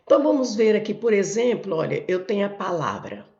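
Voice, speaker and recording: A warm-toned woman teacher with a Brazilian Portuguese accent works through exam prep questions step by step, a little fast and sing-song, her pitch rising and falling a lot. Pointing at the board, she keeps saying "ó" and "olha." The lo-fi recording is echoey and dull.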